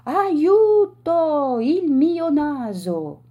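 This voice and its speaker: A woman voicing a panicked gentleman who shouts desperately after his runaway nose. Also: high voice, big pitch swings, extremely slow, lo-fi sound, pitched above the performer's own voice, full character voice. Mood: frantic. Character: panicked gentleman whose nose ran away.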